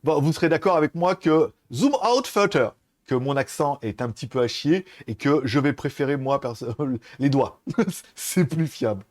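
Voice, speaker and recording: A man's voice: a little high, expressive, moderate pace. A man reviewing a webcam in casual French, chatty and laughing often, talking straight to the viewer through the camera's built-in mics. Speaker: tech reviewer. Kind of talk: casual product demo. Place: room with small fan and air conditioner. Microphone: webcam built-in microphones.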